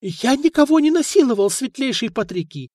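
A man's voice: very high voice, sing-song, brisk, darkish tone, no room sound, studio quality, voice pushed up, full character voice. A man voicing a frightened moneylender who whines and pleads for mercy in a raised voice, in an audiobook. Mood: panicked pleading. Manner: whining, pleading. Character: terrified middle-aged male moneylender, whining.

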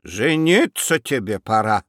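A man's voice: a little high, big pitch swings, a little slow, a bit bright, no echo, clean studio sound, voice pushed up. A man voicing a plain-spoken, practical old aunt with a folksy, soothing manner. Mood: coaxing.

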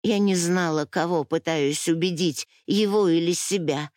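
A woman's voice: lowish voice, unhurried, a little mellow, no room sound, studio quality. A woman reading a first-person audiobook in an emotional, intimate style. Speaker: audiobook reader.

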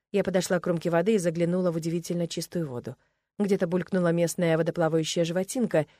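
A woman narrating an audiobook in the first person, with a wry, expressive delivery. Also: lowish voice, dry recording, clean studio sound. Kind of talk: scripted narration.

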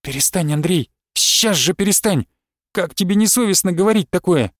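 A man reading aloud and voicing a frightened young wife who pleads with her husband, her lines pitched up and close to tears. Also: lively intonation, moderate pace, no echo. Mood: pleading. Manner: pleading, rising, near tears.

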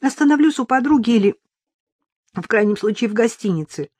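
A woman's voice: fairly high pitch, animated, fairly quick, a little mellow, husky, dry recording, studio quality, pitched above the performer's own voice. A woman voicing a young woman on the verge of tears in an audiobook, speaking emotionally on the phone. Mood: tearful. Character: tearful young woman leaving her husband.

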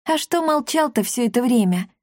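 Brief: kind shy girl, quiet wondering questions, a woman voicing her, dry close sound. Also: a little high, lively intonation, moderate pace, dry recording, pitched above the performer's own voice. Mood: timid. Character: young girl, timid and kind.

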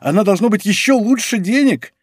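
A man voicing an excitable, loyal middle-aged grocer who bursts into exclamations. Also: high voice, brisk, slightly rough, dry recording, studio quality, pitched above the performer's own voice. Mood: amazed.

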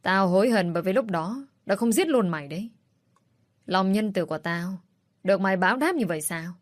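A woman's voice: medium pitch, lively intonation, fairly quick, no echo, lightly acted. A woman voicing a ruthless middle-aged stepmother who speaks with contempt and threats in a read-aloud story. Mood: scornful.

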